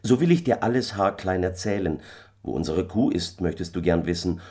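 A man reads aloud as an anxious, god-fearing farmer from a storybook who pleads and hedges. The voice stays low and husky, rising and falling widely. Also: lively intonation, moderate pace, dark tone. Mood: uneasy. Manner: hesitant, pleading. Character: hesitant poor farmer, pious and anxious.

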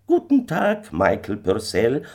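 A man voicing a sinister little old stranger from a fairy tale, speaking slowly and insistently in a raised voice. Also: huge pitch swings, darkish tone, full character voice. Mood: commanding. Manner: slow, high, insistent pleading.

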